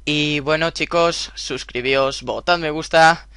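A man's voice: fairly high pitch, steady tone, measured pace, pushed and bright, clean tone, dry recording. A man with a Spain Spanish accent speaking casually to his subscribers, earnest and a little rambling. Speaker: youtuber host. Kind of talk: casual thank-you address to subscribers.

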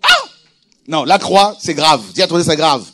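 A man preaching a sermon with animated delivery, moving from quiet scripture reading to shouted exclamations. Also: fairly high pitch, a little fast. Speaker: pastor.

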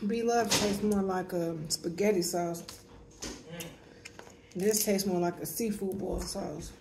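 A woman's voice: mid-range voice, steady tone, slow, background noise. A woman hosting an eating video, talking casually with her mouth full while biting a crab leg. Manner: talks with mouth full, chewing between words. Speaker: mukbang host.

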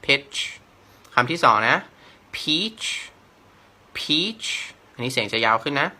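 A man teaching English pronunciation, saying words slowly and repeating them with patient explanations. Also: mid-range voice, pushed and bright. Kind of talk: pronunciation lesson.

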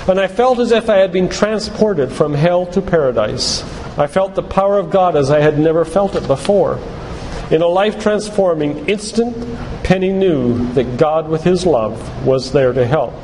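Speaking live to a congregation in a church hall, this older man, a physician and lay preacher, delivers an earnest, deliberate lecture full of stories and read-aloud quotations. His warm voice sits slightly high for a man, and the room adds long reverb and background noise.

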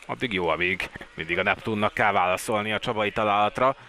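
Male sports commentator, excitable live match delivery, fairly low voice with a forceful, bright edge. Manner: excited, voice rising at key plays.

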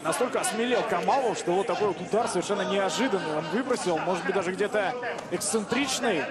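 A man's voice: sits high, fast. A man giving live analytical sports commentary as the second commentator at a fight. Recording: loud arena crowd behind.

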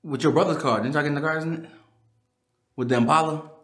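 A man's voice: fairly high pitch, fast talker, a bit bright, echoey room. A man in casual chat with his wife, teasing and laughing a lot while eating. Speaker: co-host of a couple's channel.

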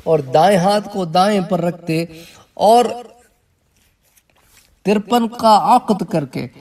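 A man's voice: sits high, slow pace, a little mellow, distant mic. A man who teaches religion, giving a lecture on prayer and explaining traditions step by step with asides to his listeners.

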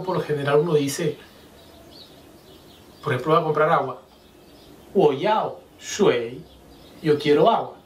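A man explains Chinese grammar in a patient teaching manner, pausing to repeat example phrases slowly. His voice sits a little high. The sound is roomy and echoey, with the mic some distance away and a faint hiss behind. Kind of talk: whiteboard lesson explaining grammar.

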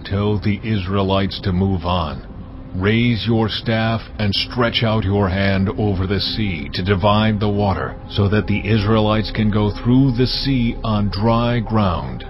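An actor playing God in a dramatized audio Bible, speaking slowly and solemnly. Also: male voice, fairly low pitch. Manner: slow, solemn, weighty delivery. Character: God, commanding and majestic divine voice. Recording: dull, muffled sound under loud music.

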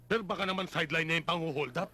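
A man playing an eager, bumbling male police officer in a slapstick comedy, loud and excitable. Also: on the high side, fast talker.

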